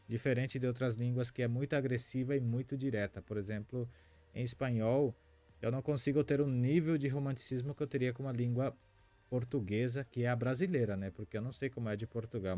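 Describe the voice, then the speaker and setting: A man's voice: medium pitch, darkish tone, dry recording. Chatty Paraguayan-born man teaching live. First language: Spanish. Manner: chatty, thinks aloud, many fillers. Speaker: Guarani language teacher. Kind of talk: live-stream lesson reading chat comments.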